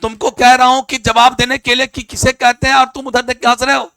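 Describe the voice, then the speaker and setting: Male teacher, classroom lecture, high sharp voice, dry sound, quizzing and scolding. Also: little pitch movement, brisk, creaky, smooth, dry recording. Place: classroom with students.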